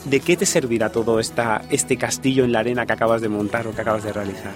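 A man's voice: mid-range voice, steady tone, quick pace, over music. Man teaching the Bible. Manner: explanatory, quotes scripture, addresses listeners with "fijaros". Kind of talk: Bible study radio talk.

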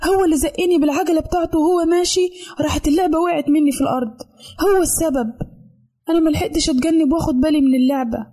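A woman playing a high, whiny little Egyptian girl. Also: fairly even intonation, racing, warm tone, natural voice. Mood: tearful pleading. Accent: Egyptian Arabic. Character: upset little girl, tearful and defensive.

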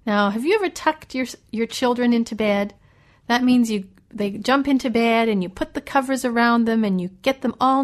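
A woman teaching English vocabulary, reading short stories aloud and patiently explaining and spelling out words, asking the listener gentle questions. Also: a little high. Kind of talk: slow explanatory reading lesson.

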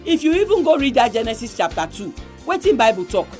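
A woman's voice: on the high side, very animated, fast, a little mellow. Nigerian Pidgin-speaking woman presenting, over music. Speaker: radio programme host.

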